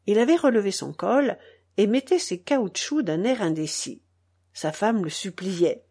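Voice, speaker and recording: Woman reading a novel aloud, really lively pitch, swoops up and down, expressive. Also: measured pace, slightly rough. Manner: expressive storytelling. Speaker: narrator.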